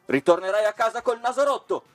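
A man's voice: mid-range voice, lively intonation, moderate pace, dry recording, soft background music, voice pushed up, close to an everyday voice. Male reader as threatening schoolboy gang, taunting, storybook. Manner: threatening, scornful. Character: gang of rowdy schoolboy bullies. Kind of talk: storybook reading.

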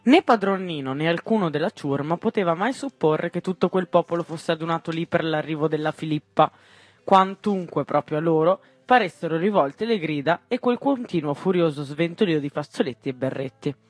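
A man with a somewhat high voice reads a literary short story aloud. The sound is dry and close, with no room around it. He often trips on a word and starts it again. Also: moderate pace, no room sound. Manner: stumbles and corrects himself mid-word. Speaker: reader.

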